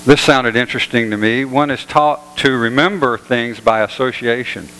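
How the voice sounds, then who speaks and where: A pastor giving a sermon in a church, telling jokes in an easygoing, folksy way. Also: male voice, mid-range voice, moderate pace, fairly bright tone, in a large hall, a little hiss or hum, rough recording. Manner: folksy storytelling, easygoing humor. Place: church sanctuary.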